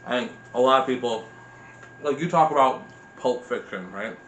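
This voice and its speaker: A man's voice: mid-range voice, moderate pace, a bit bright. A man in his thirties chatting casually as co-host, blunt and opinionated, swearing freely. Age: 30s. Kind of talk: casual chat. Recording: echoey room with faint noise.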